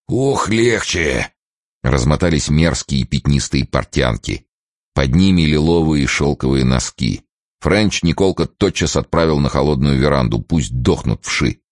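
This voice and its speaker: Very deep-voiced male audiobook narrator. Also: no room sound, clean studio sound. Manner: expressive, literary reading. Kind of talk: audiobook narration of a classic novel.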